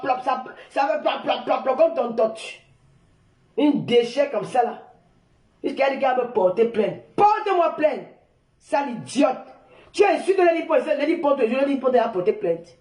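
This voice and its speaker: An older woman, loudly mocking and insulting someone in a heated, repetitive live-stream rant. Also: sits high. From Cameroon. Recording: echoey room.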